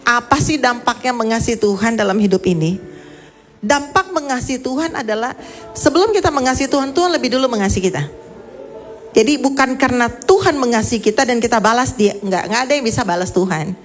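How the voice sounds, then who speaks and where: A middle-aged woman preaches with a somewhat high voice. She leans hard into key lines and sinks low and soft when she tells a story. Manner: emphatic preaching, dropping low and soft for a story, then rising. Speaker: pastor. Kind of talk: sermon.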